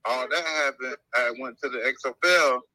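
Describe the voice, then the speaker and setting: Man on a speakerphone call, very bright. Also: medium pitch, moderate pace, no echo. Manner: strings events together with "and then after that". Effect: phone call played over speakerphone held to the mic. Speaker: guest football player. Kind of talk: casual rambling life story.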